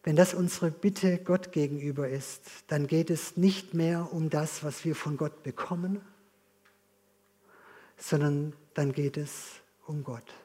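Speaking slowly in a fairly high, steady voice, a male pastor delivers an earnest, direct sermon. He walks the congregation through a spoken exercise, then drops to a hushed tone to pray with them.

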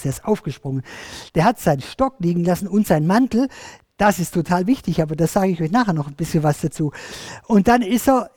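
A storyteller telling a Bible story to children, lively and addressing the listeners directly. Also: mid-range voice, no room sound, studio quality. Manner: animated, addresses listeners directly, many restarts.

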